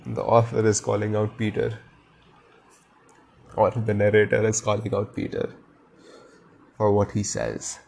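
A man's voice: on the low side, monotone, measured pace, gravelly, long pauses, darkish tone. A man reading a novel aloud and stopping to muse on it enthusiastically. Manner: enthusiastic, muses aloud between passages. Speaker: reader discussing a novel.

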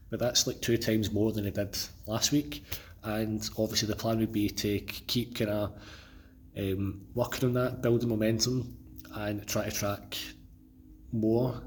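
A Scottish man who is under the weather, talking casually and haltingly as a solo podcast host, often repeating words as he goes. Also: fairly low pitch, a little hiss or hum. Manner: halting, stammering repetitions. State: feeling unwell, under the weather. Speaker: podcast host and personal trainer.

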